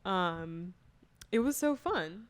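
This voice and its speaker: A woman's voice: fairly low pitch, expressive, slow pace. A woman in her twenties co-hosting a casual podcast, chatting with gushing slang in a giggly manner. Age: 20s. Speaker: podcast co-host.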